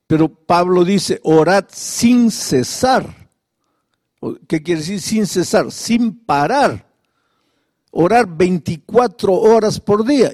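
A male pastor preaching a sermon, firing off repeated rhetorical questions and at times dropping to a soft, confiding tone. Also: high-pitched, dry recording, clean studio sound.

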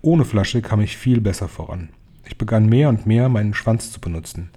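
A man reading an audiobook aloud as a lively, animated storyteller. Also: fairly low pitch, moderate pace. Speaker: audiobook reader. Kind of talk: scripted audiobook narration.

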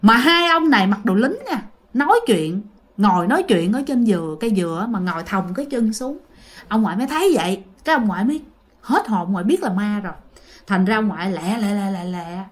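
A woman telling a ghost story in a casual, animated way, often addressing her listeners directly. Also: mid-range voice, fairly quick.

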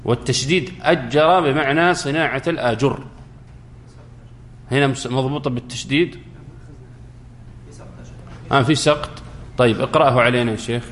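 A man with a Saudi accent teaches a class on Islamic law, his voice sitting at an ordinary middle pitch. He talks lively and conversational, tossing questions to his students and acting out everyday scenes. A faint hiss sits behind the recording. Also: normal speed, long pauses. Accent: Saudi Arabic. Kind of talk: classroom fiqh lesson.

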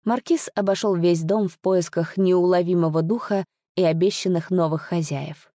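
A woman narrating a fairy tale in a measured, expressive way. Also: lowish voice, no room sound, clean studio sound. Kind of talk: storybook narration.

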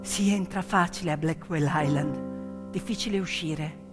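Piano music plays in a reverberant hall as a woman stage storyteller delivers a dramatic narration, her phrases short, emphatic and full of suspense. Her voice is low-pitched and a little slow.

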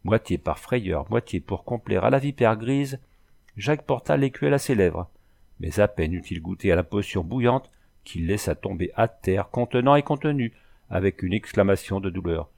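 A man reading a novel aloud in measured, scripted narration. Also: on the low side, animated, gravelly, darkish tone. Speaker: audiobook reader.

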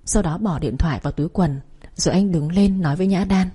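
A woman narrating a first-person romance story in a steady, measured reading. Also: on the low side, breathy edge.

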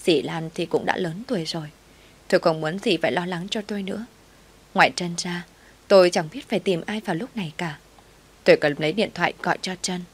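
A woman narrates a first-person audio story in a low voice. Her reading is sorrowful and reflective. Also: a little fast, husky.

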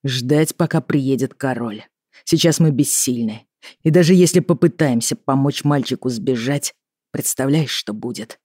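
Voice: mid-range voice, measured pace, darkish tone, no room sound, studio quality, natural voice. Grave weary father, as an audiobook reader voices him. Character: worried, stern middle-aged father, a lord. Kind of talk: audiobook character reading.

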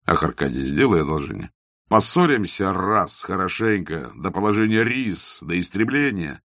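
A man's voice: low voice, sing-song, normal speed, fairly bright tone, no room sound, clean studio sound, exaggerated voice. A man voicing a scornful young nihilist who talks in curt, sarcastic jabs. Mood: mocking.

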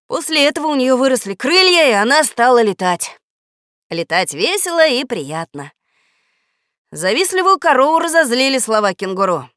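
A woman narrating a children's audiobook in a lively, expressive manner. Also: high voice, normal speed, dry recording, studio quality.

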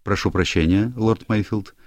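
A man's voice: lowish voice, moderate pace, no room sound, voice pushed up, close to an everyday voice. A man voicing a young, anxious male secretary who stammers and is eager to please, in an audiobook. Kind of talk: audiobook character voice.

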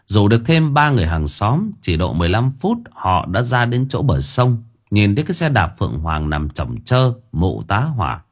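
A male narrator reads an audiobook story. His voice sits fairly low. His pitch moves expressively as he tells the story dramatically. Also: breathy edge.

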